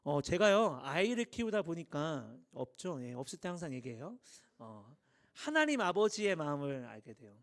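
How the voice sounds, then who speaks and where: Animated man preaching to teens. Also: fairly high pitch, moderate pace. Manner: animated, acts out dialogues, asks the audience questions. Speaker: youth pastor. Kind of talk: lively youth sermon. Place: church hall.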